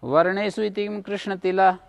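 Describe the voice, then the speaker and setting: A man with a high, gravelly voice speaks at a moderate pace in a steady tone. He is giving a Sanskrit grammar lecture in a classroom, working through the rules one at a time and checking that his students follow.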